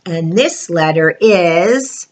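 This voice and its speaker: A woman with a lowish, expressive voice teaches young children an alphabet lesson in a broad, singsong presenter style. She asks prompting questions and draws out key words.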